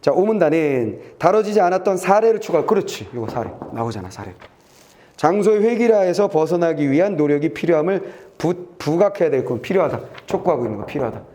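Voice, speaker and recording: Brisk, chatty male exam-prep teacher. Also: sing-song, warm tone. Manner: brisk and chatty, reads aloud then checks "됐지?" and trails off low. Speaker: Korean test-prep teacher. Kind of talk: lecture walking through an exam passage.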